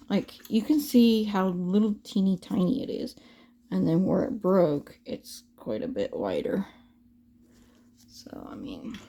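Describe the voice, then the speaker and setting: A woman's voice: mid-range voice, gravelly, warm tone, slightly rough. A woman giving a casual hands-on craft tutorial, informally thinking aloud as she works.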